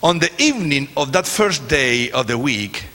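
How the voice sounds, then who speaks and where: A guest preacher from Chile, whose native Spanish gives him a Chilean accent, takes the stage at a large church for an informal sermon full of jokes, stumbling into hesitations frequently. He speaks at a moderate pace in a medium-pitched, sharp voice with lively intonation. The sound is echoey, as expected in a church hall, and congregation noise runs underneath.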